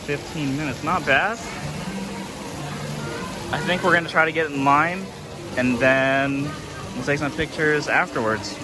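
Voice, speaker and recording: A male theme park vlogger gives casual walk-through commentary. He exclaims readily at what he sees. Loud music plays around him as he goes. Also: fairly high pitch, unhurried, long pauses. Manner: wowed, exclaiming at sights.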